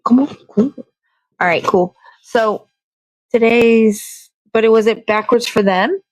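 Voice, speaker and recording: A woman hosts a casual show, chatting, rambling and correcting herself while she works on a craft. Her fairly high voice is unhurried, and the audio is poor though free of echo.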